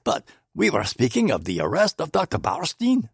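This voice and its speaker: Man voicing a placid older Belgian detective, higher than his own voice, husky, precise, French phrases, audiobook. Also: moderate pace, dry recording, clean studio sound, exaggerated voice. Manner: calm, amused, precise, drops French phrases. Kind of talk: audiobook character voice.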